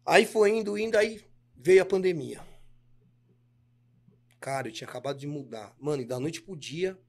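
A man's voice: a little high, animated, moderate pace, vocal fry. A man with a Brazilian Portuguese accent, a podcast guest who tells his stories in slangy casual chat and acts out the dialogue. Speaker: guest, clothing brand owner.

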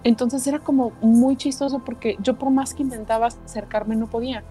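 Chatty woman with a dark voice. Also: a little high, steady tone, a little fast, soft background music, poor audio. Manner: rambling, many fillers like "o sea". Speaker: podcast co-host. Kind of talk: casual chat, telling a dream.

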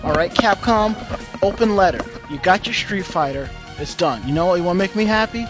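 A man's voice: high-pitched, lively intonation, brisk. A man hosting a podcast in casual banter, opinionated and given to emphatic repetition. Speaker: podcast host. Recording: music playing behind the voice.

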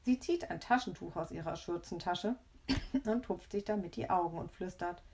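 A woman reading a children's story aloud in a lively, expressive way. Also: lowish voice, normal speed, noisy background.

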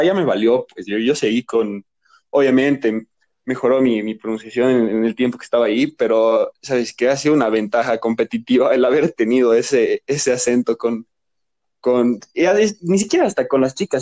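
Bolivian guy, average pitch, lively, trips over his words. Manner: animated, laughs easily, stammers. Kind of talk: casual chat.

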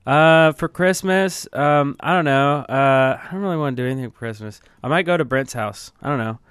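A man's voice: a little high, brisk, a bit bright, smooth, no echo, clean studio sound. A man co-hosting a casual podcast, talking hesitantly with lots of fillers. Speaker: podcast co-host. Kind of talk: casual chat.

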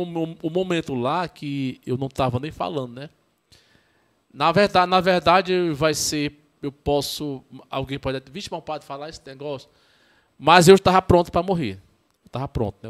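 Chatty priest with a northeastern Brazilian accent. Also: male voice, a little high. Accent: northeastern Brazilian (Ceará). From Ceará, northeastern Brazil. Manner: halting and repetitive, tags "né?" often, restarts. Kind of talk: casual podcast interview storytelling.

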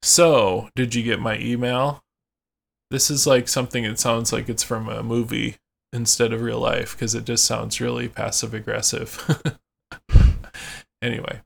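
Gravelly-voiced man chatting casually on a podcast. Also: medium pitch, little pitch movement, normal speed. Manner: reads out phrases, then explains them with many fillers. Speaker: podcast host.

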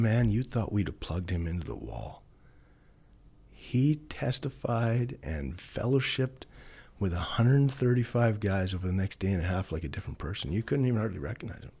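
A man's voice: sits low, darkish tone, husky. A man with a hillbilly drawl, telling stories and testimony in a folksy cowboy-preacher way as a podcast guest. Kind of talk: testimony storytelling in conversation.

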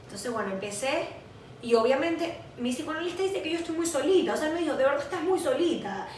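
Una mujer de unos veinte años con acento venezolano, copresentadora de un pódcast, que cuenta sus vivencias con franqueza y anima sus relatos imitando voces. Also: female voice, high voice, fast, very echoey, recorded from a distance, slight background noise. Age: 20s. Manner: candid, animated storytelling with acted quotes. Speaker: podcast co-host. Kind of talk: casual chat.

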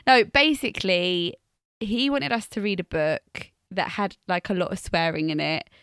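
This podcast co-host, a teacher from Wales in her thirties, has a fairly low, smooth, slightly bright voice at normal speed. She spins self-deprecating stories in a chatty manner and laughs a lot. The clean studio recording has no room sound.

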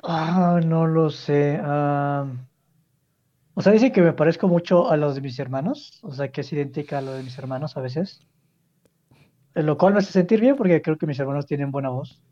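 A young man with a Mexican accent chatting casually with friends, with a flat, low-key way of talking. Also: moderate pace, muffled recording. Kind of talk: casual chat among friends online.

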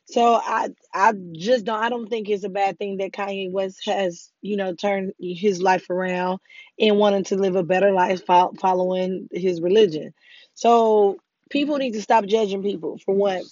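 A woman's voice: mid-range voice, fairly even intonation, normal speed, darkish tone, dry recording, lo-fi sound. A woman vlogger, talking casually and frankly with plenty of profanity while her voice is still recovering. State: recovering from voice loss. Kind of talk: casual opinion vlog.

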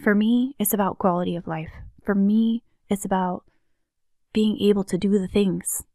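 A woman giving an earnest, slow motivational talk on healing and rest, often softening her voice to a near-whisper. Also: medium pitch, fairly even intonation, dry recording, studio quality. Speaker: wellness speaker.

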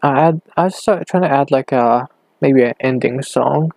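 A young man rambling hesitantly on his own podcast, talking low in his bedroom with a hand cupped over the mic. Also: a little slow, creaky, a little mellow, dry recording. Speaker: podcast host. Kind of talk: casual solo podcast. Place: bedroom at home.

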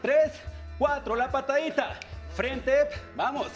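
A man with a Mexican Spanish accent and a very high voice for a man runs an aerobics class. He counts out every beat and keeps cheering his viewers on. Workout music plays faintly behind him. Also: slow pace, lo-fi sound. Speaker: aerobics instructor. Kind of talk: leading a televised dance workout.

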